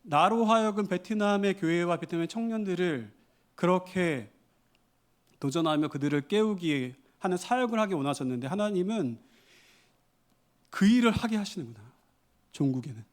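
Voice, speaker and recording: A man's voice: high-pitched, lively intonation, moderate pace, long pauses. A man missionary preaching a Sunday sermon in a church, telling stories and building to emphatic exhortations. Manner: storytelling, with rising emphatic exhortations. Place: church sanctuary.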